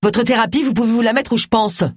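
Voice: mid-range voice, big pitch swings, brisk, breathy edge, no room sound, clean studio sound. Reader doing a prickly, jealous middle-aged woman. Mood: sharp. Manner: brusque, indignant. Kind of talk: audiobook character voice.

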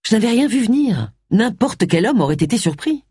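A proud retired police inspector from an audiobook, stiff and indignant, as a woman reader puts him on. The voice stays close to the reader's own, a little husky and dry, with lively pitch. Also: a little fast, no room sound.

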